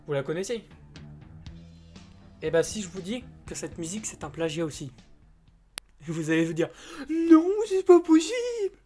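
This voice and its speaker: A man's voice: a little high, normal speed, pauses often, darkish tone, faint music behind. A man chatting casually to camera as a YouTuber. He rambles and hesitates, with many fillers and restarts, in informal, slightly crude speech.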